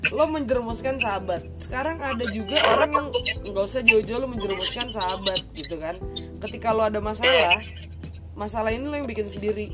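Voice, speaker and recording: A woman's voice: mid-range voice, a little fast. A young woman with a Jakarta accent chatting casually in slang as a podcast co-host, driving her points home emphatically. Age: young adult. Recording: loud music behind the voice.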